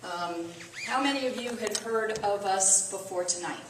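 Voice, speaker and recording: Midwestern woman, relaxed group talk, mid pitch, echoey room, distant mic. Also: normal speed, noisy background. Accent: Midwestern American. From American Midwest. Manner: conversational, with fillers and self-corrections. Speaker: volunteer speaker. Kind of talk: casual talk to a small audience.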